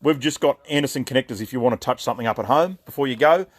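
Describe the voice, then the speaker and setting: A rambling, chatty Australian man hosts a live stream from his shop. He greets viewers by name and talks through new stock in a casual, joking way. His voice sits at an ordinary middle pitch. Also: rapid-fire. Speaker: gun shop owner hosting a live stream.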